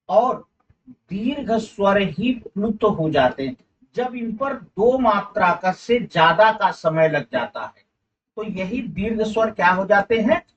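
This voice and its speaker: A man's voice: sits high, a little hiss or hum. A male teacher running a live online exam-prep class, calling his students "beta" and repeating key points. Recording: distant, dull online class audio.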